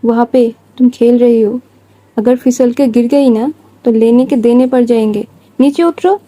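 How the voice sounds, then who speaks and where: A woman's voice: on the high side, moderate pace, dark tone, no echo, close to an everyday voice, rough recording. Woman doing a bossy, fussing young woman. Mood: scolding. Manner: scolding, fussing, insistent.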